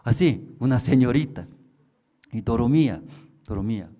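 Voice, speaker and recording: Pastor with a lively voice. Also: male voice, mid-range voice, unhurried. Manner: storytelling with acted voices and questions to the congregation. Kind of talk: sermon.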